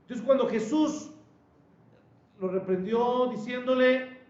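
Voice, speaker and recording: A man preaching a sermon, animated, calling out questions to his congregation. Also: very high voice, takes it slowly, echoey room, lo-fi sound. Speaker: pastor. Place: church.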